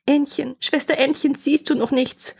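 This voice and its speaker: A woman's voice: high-pitched, fairly even intonation, moderate pace, gravelly, darkish tone, voice pushed up. A woman voicing a frightened young wife who pleads for her life and keeps calling out to her sister, in a fairy-tale reading. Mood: pleading.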